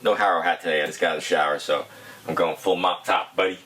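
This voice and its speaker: A man's voice: low-pitched, fairly even intonation, quick pace, fairly bright tone, faint music behind, rough recording. A man casually talking his way through a bike build, rambling and muttering to himself as he tinkers. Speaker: BMX shop founder building a bike. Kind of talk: casual running commentary while working. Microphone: action camera mic.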